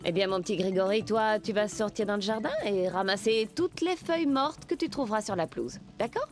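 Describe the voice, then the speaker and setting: A woman's voice: medium pitch, a little fast, soft background music, natural voice. An actress in a French telenovela dub playing an irritable aunt who orders her relatives around her house. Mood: bossy. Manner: bossy, indignant, giving orders. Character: irritable aunt, bossy homeowner. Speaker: stern aunt running a house.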